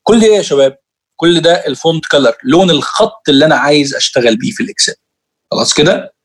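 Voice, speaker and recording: A man's voice: a little high, expressive, very fast. A man with an Egyptian Arabic accent teaching a computer lesson, explaining each step and addressing his students directly. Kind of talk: screen-share tutorial lesson.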